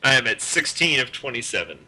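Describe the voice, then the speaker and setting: A man chats casually as a tabletop game player. His voice is mid-pitched and strikingly sharp and forceful. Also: sing-song, brisk, low-quality recording.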